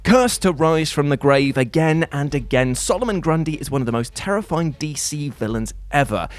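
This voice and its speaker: Playful male game narrator. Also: medium pitch. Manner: playful, jokey, theatrical. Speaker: host. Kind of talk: scripted video narration.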